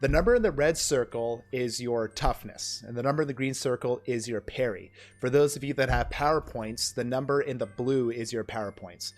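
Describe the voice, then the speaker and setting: A man running a tabletop game on stream, talking through the scene in loose, rambling descriptions. His voice sits at an ordinary middle pitch. Faint music plays underneath. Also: normal speed, hardly any pauses. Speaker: game master.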